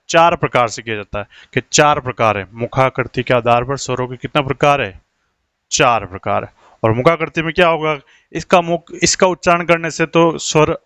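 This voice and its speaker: A man teaching a grammar lesson, asking questions and answering them himself, slowing down to dictate definitions. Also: fairly high pitch, a bit bright, smooth, no room sound. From India. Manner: asks rhetorical questions and answers them himself, slows down while writing on the board.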